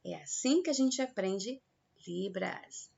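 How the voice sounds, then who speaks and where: A Brazilian woman teaching a lesson to children, slow and patient, stretching out example words to show the stressed syllable. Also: mid-range voice, lively intonation, gravelly, a little mellow, slightly rough. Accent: Brazilian Portuguese. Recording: dull lo-fi recording.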